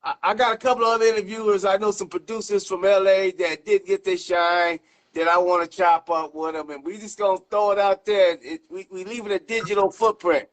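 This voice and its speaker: A man in his 50s from South Central Los Angeles hosts an interview as loose, slangy casual chat sprinkled with profanity. His voice is high, his intonation fairly even, and he talks a little fast.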